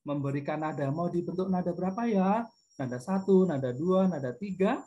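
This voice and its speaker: A man's voice: high-pitched, moderate pace, warm tone, lo-fi sound. Middle-aged male guest teacher, patient, sings example tunes. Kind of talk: online class lecture to children.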